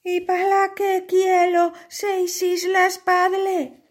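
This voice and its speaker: Woman voicing a high sweet princess. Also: completely flat delivery, extremely slow, exaggerated voice. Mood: pleading. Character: lovesick young princess, pleading.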